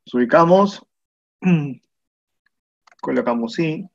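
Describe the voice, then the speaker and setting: Male instructor, Peruvian Spanish accent, slightly husky voice, muffled lo-fi sound, patient tutorial delivery. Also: fairly high pitch, animated, slow pace. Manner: patient step-by-step explaining, asks "¿no?" and "mira" often. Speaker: spreadsheet instructor. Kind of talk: screen-recorded software tutorial. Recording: muffled lo-fi voice recording.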